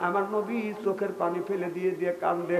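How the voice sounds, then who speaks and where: Male preacher, high and ringing tone, chanting sermon story, echoey loudspeaker sound. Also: flat delivery, fast talker. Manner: chanting, surging to shouts, tearful storyteller. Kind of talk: Islamic waz sermon storytelling. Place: open-air religious gathering. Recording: echoey PA sound with faint music.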